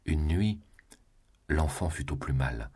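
A man narrates an audiobook in a very low, deep voice. His tone is husky and breathy, and his delivery is measured and grave. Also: lively intonation, a little mellow.

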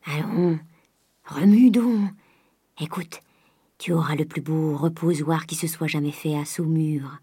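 A woman voicing a miserly old man who is by turns gruff and wheedling, with a lower voice and shifting pace. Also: a little slow, dark tone, no room sound, clean studio sound. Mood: coaxing, gruff.

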